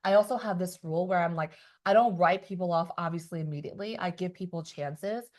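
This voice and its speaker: Animated woman podcast host. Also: lowish voice, a little fast. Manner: emphatic and animated, acts out quoted people. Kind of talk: casual chat.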